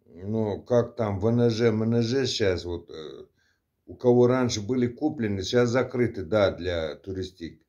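Low, dark-voiced man, halting vlog talk. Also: lo-fi sound. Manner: halting, with many fillers and restarts. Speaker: vlogger answering a subscriber. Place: indoors at night.

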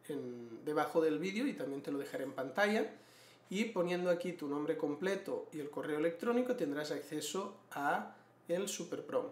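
Guy in his 40s explaining stuff on screen, kinda high voice, echoey room. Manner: explanatory, frequent throat clearing. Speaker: trading educator. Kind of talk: screen-share tutorial. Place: small room indoors. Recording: roomy echo.

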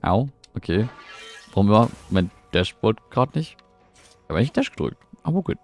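Speaking at a moderate pace in a lowish, very animated voice, a middle-aged man chats casually while streaming a game at home. His commentary meanders as he answers his chat and often sounds bewildered, over faint game music.

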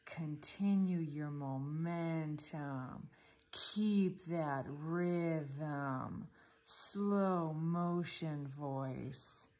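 Woman doing a slowed down deep slow-mo voice, super low and dragging every word out. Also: a little mellow. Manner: drawn-out, sluggish repetition of coaching cues. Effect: slowed-down deep slow-motion voice. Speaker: dance instructor.

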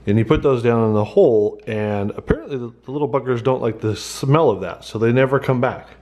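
A man's voice: mid-range voice, animated, brisk, darkish tone, lo-fi sound. A middle-aged American man narrating a casual vlog in a folksy, lightly joking way. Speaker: vlogger.

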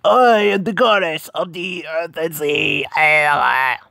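A man's voice: on the high side, measured pace, creaky, sharp tone, no echo, clean studio sound, exaggerated voice. A man voicing a serene, grand goddess of the earth and sea during a game.

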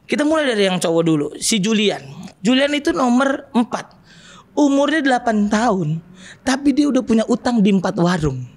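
Animated young comedian. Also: male voice, high voice. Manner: animated storytelling with shouted punchlines. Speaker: comedian guest. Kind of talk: stand-up comedy bit. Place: podcast studio.

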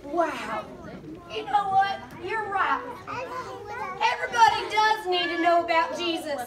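A woman playing a goofy explorer sidekick in a church kids' skit, with a squeaky, very high put-on voice and giggles through her telling. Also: animated, measured pace, over a noisy crowd. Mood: eager. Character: goofy, giggly explorer sidekick who snacks on bugs and mushrooms. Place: large church hall. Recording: echoey hall, far mic, loud kid audience.

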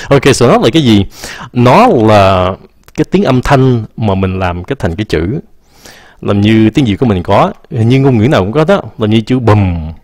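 A man teaching English pronunciation casually, answering viewer questions, stretching words out slowly and laughing at his own slips. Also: on the low side, darkish tone, dry recording, studio quality. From Vietnam. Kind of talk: casual live-stream English lesson.

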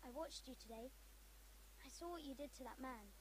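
A woman's voice: sits high, moderate pace, close to an everyday voice, poor audio. A woman voicing a vengeful young boy. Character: young boy, angry, wants revenge. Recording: game audio with faint hiss.

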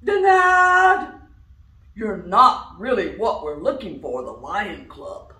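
A woman's voice: on the low side, sing-song, a little slow, bright, forceful tone, voice pushed down, full character voice. A woman voicing a proud male lion who guards his club, stern and dismissive. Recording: roomy, from a distance.

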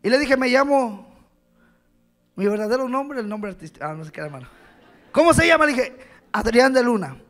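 A man's voice: extremely high pitch, lively intonation, fairly quick, pauses often. A male pastor, preaching a sermon in a church and telling a story, acting out the dialogue and calling out to the congregation.

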